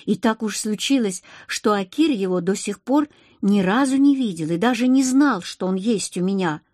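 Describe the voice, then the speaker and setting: A woman reading a first-person audiobook in a lively, expressive manner. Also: mid-range voice, moderate pace, no echo, studio quality. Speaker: audiobook narrator.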